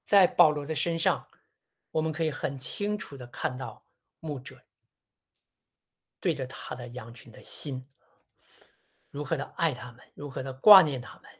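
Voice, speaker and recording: A preacher giving a sermon on a Bible passage in a measured, teaching tone, often posing rhetorical questions. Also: mid-range voice, slightly rough.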